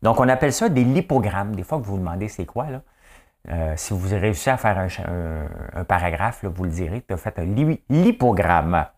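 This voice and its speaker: Brief: low-voiced Quebec French man hosting a rambling trivia show, very lively pitch, chatty. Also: fairly quick. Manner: chatty, keeps tossing in "hein?"; slips into English phrases. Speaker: host.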